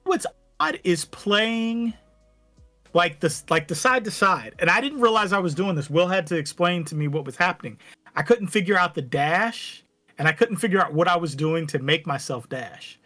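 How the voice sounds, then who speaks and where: A man's voice: high-pitched, normal speed, sharp tone, soft background music. A man co-hosting a casual podcast chat, telling stories in a chatty way, full of "like" fillers. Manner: storytelling, chatty with many "like" fillers. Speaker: podcast co-host.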